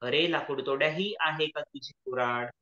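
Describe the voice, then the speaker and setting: A man voicing a kind, generous god in a children's story, speaking gently and reassuringly. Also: a little high, brisk. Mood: kindly. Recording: echoey, slightly dull recording.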